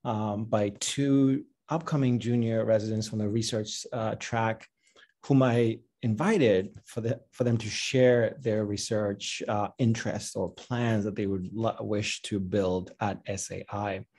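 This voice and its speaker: Man hosting a video call, mellow voice. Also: fairly low pitch, steady tone. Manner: warm, halting, with restarts and laughs. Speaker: host. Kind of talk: casual spoken introduction. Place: home room with bookshelves.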